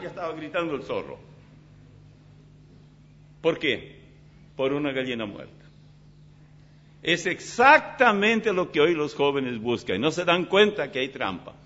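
A man preaching a sermon as pastor in a church, in an animated, dramatic way with vivid illustrations. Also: fairly high pitch, moderate pace, pauses often. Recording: slightly dull recording with faint hum.

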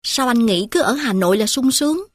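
A homesick teenage city girl, speaking quietly and wistfully in a subdued voice, as a woman reading a story puts her on. Recorded dry and close, with no room around it. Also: a little high, expressive, a little fast, dry recording, pitched above the performer's own voice.

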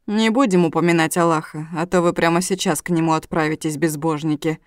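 A woman's voice: sits low, steady tone, fairly quick, no echo, studio quality, natural voice. A woman voicing a ruthless male gang leader who speaks coldly and threateningly. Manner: cold, threatening.

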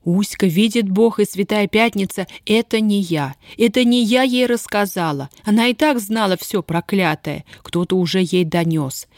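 Женщина играет испуганную молодую крестьянку, которая всхлипывает и умоляюще причитает. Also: female voice, mid-range voice, moderate pace, few pauses, no room sound, studio quality, natural voice. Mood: tearful. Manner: sobbing, pleading, folk speech. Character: frightened, tearful young peasant girl.

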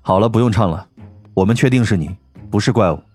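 A man voicing a calm, composed young man who speaks in a flat, clipped way. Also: low voice, a little fast, faint music behind, voice pushed down. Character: cool, composed young man, terse and wary.

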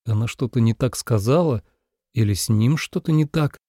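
A man narrating an audiobook in a wry, expressive storytelling manner. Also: medium pitch, normal speed, no echo, studio quality.

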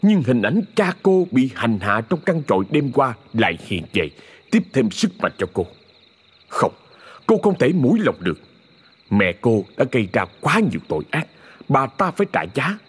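A man's voice: medium pitch, big pitch swings, moderate pace, breathy edge. Dramatic male horror storyteller. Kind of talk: scripted horror story narration.

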